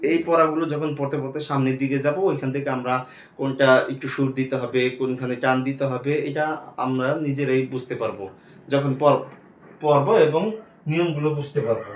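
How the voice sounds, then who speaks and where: Male teacher, patient drilling of letter sounds, slightly high voice, roomy echo. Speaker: teacher of Quran reading. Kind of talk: classroom lesson. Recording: echoey room.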